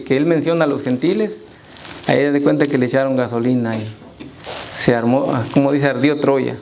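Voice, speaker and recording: A man's voice: fairly high pitch, darkish tone, a little hiss or hum, rough recording. A man leading a church Bible study, reading scripture aloud and quizzing the congregation.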